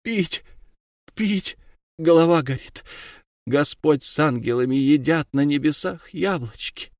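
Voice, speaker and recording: A male reader voicing a crazed woman accused as a witch, raving and pleading in a high strained voice. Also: expressive, normal speed, no echo, clean studio sound. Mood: delirious.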